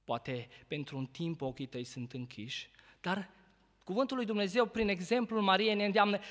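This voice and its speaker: Male preacher, bright high voice, expository sermon with rhetorical questions, long church-hall reverb. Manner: expository preaching, rhetorical questions, loud emphatic peaks then quiet reading.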